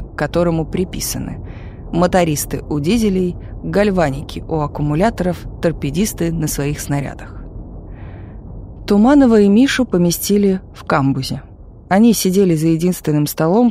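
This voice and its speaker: A man narrating an audiobook in an even, measured storytelling manner. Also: fairly high pitch. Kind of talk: scripted narration.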